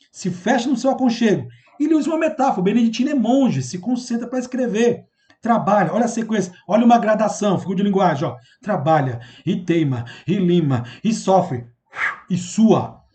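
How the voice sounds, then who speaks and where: A Brazilian man teaches a video lesson on poetry, his voice sitting high. He is animated, with pitch that leaps around as he talks right at his students and keeps checking they follow. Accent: Brazilian Portuguese. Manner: animated, addresses students directly with frequent check-ins. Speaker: literature teacher.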